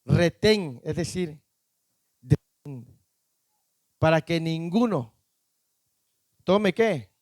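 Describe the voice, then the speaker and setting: A man preaching a sermon, emphatic, firing rhetorical questions at the congregation and rising to shouts at the peaks. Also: on the high side, lively intonation, extremely slow, pauses often, dry recording, clean studio sound.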